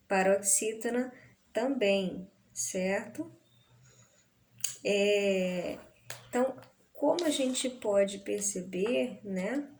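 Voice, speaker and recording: A woman with a Brazilian accent teaches a grammar lesson at a slow, deliberate pace. She keeps a patient manner and checks in with her listeners after almost every phrase. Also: medium pitch, a little mellow. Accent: Brazilian Portuguese. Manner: slow and patient, with frequent tag questions.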